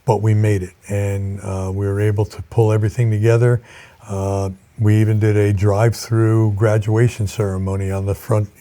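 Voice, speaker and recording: An older man speaking as a college president in an interview sounds reflective and measured, with halting pauses. His voice is fairly low, mellow and level in tone.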